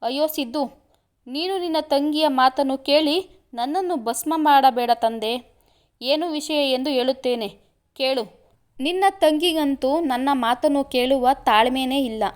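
A woman's voice: high-pitched, measured pace. A woman reading aloud, voicing a young man who coaxes and protests as he defends himself to his sweetheart. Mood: exasperated. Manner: coaxing, protesting.

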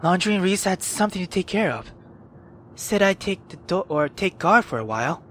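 A woman voicing a calm, matter-of-fact male friend keeping guard. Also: lowish voice, normal speed, slight background noise, pitched below the performer's own voice.

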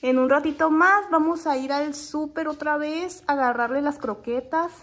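A young mother, chatting casually to her phone camera for a family vlog and using soft baby talk with her little daughter. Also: sits high, moderate pace. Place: at home and in a car.

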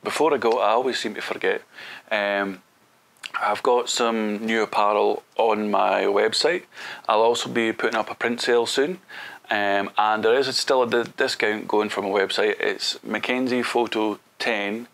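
A man's voice: fairly low pitch, fairly even intonation, normal speed, creaky, fairly bright tone. A man, talking casually to camera from his studio with frequent ums. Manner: chatty, loose, frequent ums. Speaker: photography vlogger. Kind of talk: casual vlog outro. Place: indoor home studio.

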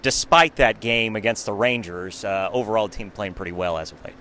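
A man's voice: lowish voice, brisk, a little hiss or hum. A man in his thirties hosting a casual post-game sports chat, recorded on a phone held at arm's length rinkside in an empty hockey arena. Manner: upbeat, lively, jokey interviewer. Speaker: sports show host.

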